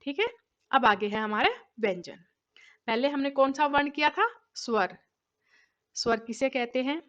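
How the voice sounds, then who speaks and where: A woman's voice: sits high, unhurried, long pauses, fairly bright tone, dull audio. A woman teacher giving a recorded grammar lesson, patiently asking questions and answering them herself.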